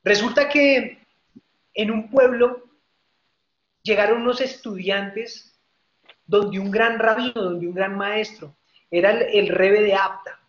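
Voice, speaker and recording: A male preacher who tells a story as a lively storyteller and speaks directly to his audience, in a hall with microphones. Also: high voice, slow, pauses often. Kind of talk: storytelling sermon. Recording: roomy, dull hall audio.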